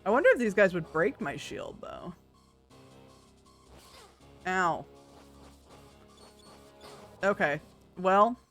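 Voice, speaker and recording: A woman's voice: lowish voice, expressive, slow pace, long pauses. A woman giving casual, chatty video game commentary as a streamer, playful and wry, with some swearing. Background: music.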